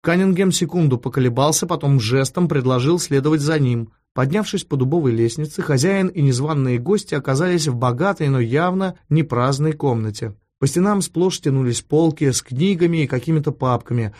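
A man reading a novel aloud as an audiobook narrator, in a measured, expressive way. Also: on the high side. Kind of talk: scripted literary narration.

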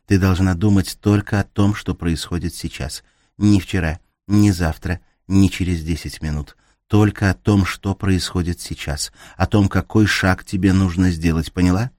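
A man reading the part of a young woman who stays calm and takes charge in danger, in an urgent hushed voice. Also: sits low, brisk, breathy edge, no room sound, studio quality. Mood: urgent whisper. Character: young woman, tense but steady in danger.

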